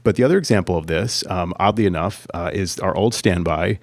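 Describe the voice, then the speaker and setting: A low-voiced man talks shop on a podcast, rambling through a story with plenty of "um" and "you know." The recording is dry and close, with no room sound. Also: a little fast, no echo. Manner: rambling, many fillers and restarts. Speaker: podcast co-host, Apple consultant. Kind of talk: casual tech chat.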